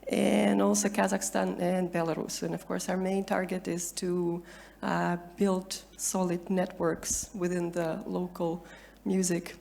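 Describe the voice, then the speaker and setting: A woman's voice: lowish voice, flat delivery, a little slow, vocal fry, darkish tone. A woman from Russia introducing herself as a panelist in a chatty, self-deprecating way. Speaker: panelist, conference representative.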